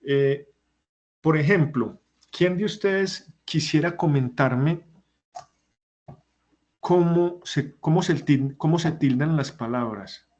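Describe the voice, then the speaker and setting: A man's voice: fairly high pitch, slow, long pauses, darkish tone, highs cut off. A man teaching a class who explains step by step and puts questions to his students. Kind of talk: online class lecture.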